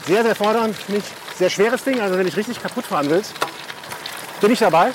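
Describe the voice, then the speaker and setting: Guy bantering on a bike ride, kinda high voice, loud wind and rain. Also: a little fast. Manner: joking, laid-back banter. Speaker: experienced gravel rider. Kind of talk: casual chat while cycling. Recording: loud outdoor wind, rain and traffic noise.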